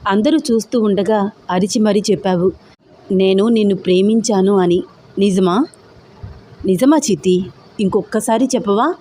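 A woman voicing a stubborn, teasing young man in love, playful and persistent, with a mellow tone. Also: mid-range voice, normal speed, long pauses, natural voice.

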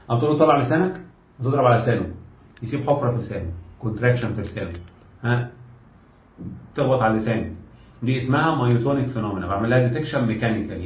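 A man's voice: medium pitch, distant mic. An Egyptian man gives a classroom lecture at a breakneck pace, hammering points home by repeating them and acting out the exam steps. He stands away from the mic. The room rings with echo. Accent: Egyptian Arabic. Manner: repetitive, drilling students, acts out exam steps. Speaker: medical lecturer. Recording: echoey room, speaker off-mic.

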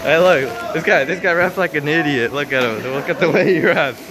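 Joking around as he films his coworkers, this young vlogger has a voice on the high side and talks a little fast. He's teasing and jokey, laughing often through the casual chatter. It's recorded indoors on a large warehouse floor with a handheld phone camera, and the warehouse ambience is noisy.

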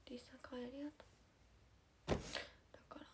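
A young woman, chatting softly on a late-night livestream and thanking viewers by name. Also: high-pitched, flat delivery, fast. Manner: soft half-whispered, thanking viewers by name. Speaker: idol livestreamer.

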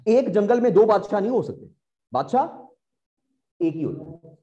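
A man's voice: sits high, very animated, moderate pace, mellow, lo-fi sound. A man with a Pakistani Urdu accent lecturing exam students as a teacher, asking rhetorical questions and often checking whether they follow.

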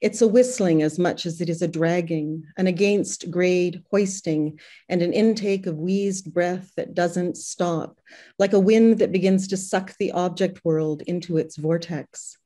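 Older woman with a low, mellow reading voice. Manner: calm, unhurried prose-poem reading. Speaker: poet reading her work. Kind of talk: poetry reading. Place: home room with posters and books. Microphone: video call.

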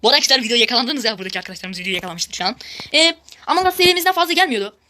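High, bright, fast-talking woman gamer. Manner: excitable, repeatedly addresses viewers as friends; shrieks loudly when frustrated. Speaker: gaming YouTuber. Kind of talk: casual gameplay commentary.

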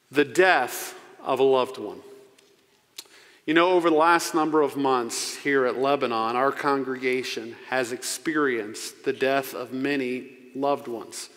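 A man in his forties preaching a sermon into a pulpit microphone as pastor. He speaks earnestly and slows down to stress key phrases. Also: mid-range voice, sharp tone. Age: 40s. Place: church sanctuary. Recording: long church reverb.

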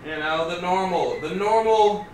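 Loud, swearing young streamer, high voice. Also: male voice, measured pace. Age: young adult. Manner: loud, profane, shouts at the game. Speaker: game streamer. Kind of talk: live gameplay commentary. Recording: echoey room, faint hiss.

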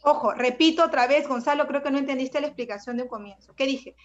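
Teaching a secondary school language class online, this woman talks fast in a high-pitched voice, patient and affectionate with her students yet firm. Her computer mic on the video call gives the audio a dull, lo-fi quality.

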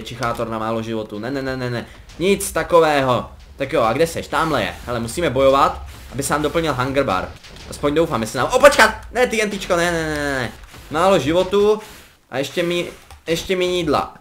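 A young man giving casual, joking commentary over a game he is playing, rambling along and breaking into excited yelps. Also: medium pitch, slight background noise. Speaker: gaming commentator.

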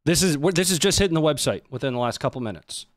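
Fast and animated, a thirtysomething stream host with a voice on the high side casually comments live on footage. He sits in a small indoor studio at a close boom-arm desk microphone, and the sound has no echo.

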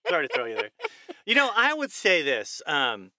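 A man's voice: fairly high pitch, wildly swooping pitch, moderate pace, bright, forceful tone, no room sound, studio quality. A man co-hosting a podcast, chatting casually and joking while he thinks aloud. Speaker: podcast co-host. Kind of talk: casual chat. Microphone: studio microphone.

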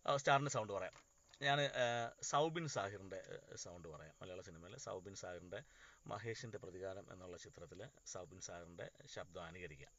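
A man chats casually on a fan live stream, greeting viewers by name one after another. His voice is bright and gravelly. It comes through dull, lo-fi phone audio. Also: deep voice, fairly quick. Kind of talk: casual live chat reading comments.

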